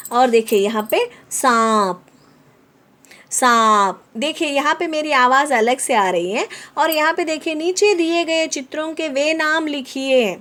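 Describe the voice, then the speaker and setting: A woman teaching a lesson to children, repeating each word slowly, explaining it in English and often asking if they understand. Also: high voice, fairly bright tone. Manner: slow, repeating words and explaining them in English.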